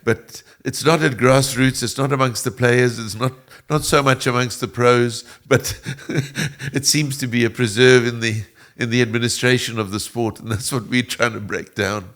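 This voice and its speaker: A man in his seventies gives an interview in a fairly bright, medium-pitched voice, keeping his intonation fairly even and his pace moderate with hardly any pauses. Born in Egypt, raised in South Africa, and a native Italian speaker, he chuckles often and rambles, restarting his sentences.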